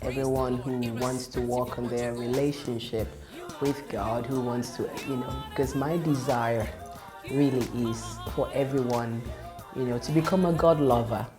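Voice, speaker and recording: Over music, a woman with a steady bass voice gives a personal testimony. A gospel singer whose first language is Yoruba, she speaks earnestly and reflectively, stopping and restarting as she talks.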